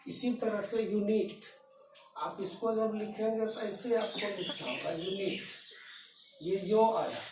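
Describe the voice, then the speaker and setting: A man's voice: high voice, noisy background. Echoey, distant male tutor explaining patiently. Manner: patient, repetitive explaining with rhetorical questions. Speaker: English tutor. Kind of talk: blackboard grammar lesson. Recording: roomy echo, voice from a distance.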